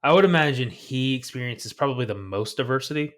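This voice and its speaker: A man's voice: mid-range voice, animated, a little fast, a bit bright. A man co-hosting a movie podcast in casual chat, earnest and enthusiastic. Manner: earnest, enthusiastic, self-correcting. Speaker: podcast co-host.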